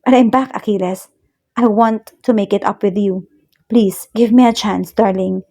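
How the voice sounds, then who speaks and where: A woman's voice: medium pitch, fairly even intonation, a little slow, warm tone. A woman voicing a tearful young ex-girlfriend who begs to be forgiven. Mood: pleading. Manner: begging, sobbing.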